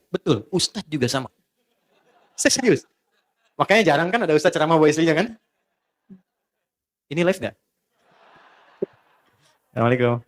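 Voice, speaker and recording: A middle-aged man preaching a relaxed sermon with jokes and acted dialogue. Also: on the high side. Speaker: Islamic preacher.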